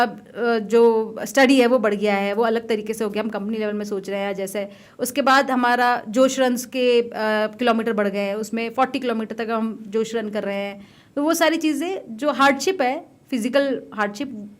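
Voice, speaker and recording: A woman in her thirties, an army officer guest, telling stories animatedly, laughing often and mixing in English. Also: fairly high pitch. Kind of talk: casual interview storytelling.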